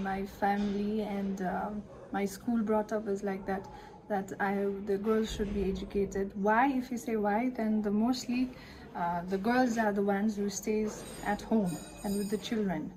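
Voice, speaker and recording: A woman's voice: mid-range voice, steady tone, a little slow, a little mellow, slight background noise, low-quality recording. A young woman from Nepal with a Nepali accent, answering interview questions hesitantly and searching for words. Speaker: social institute director.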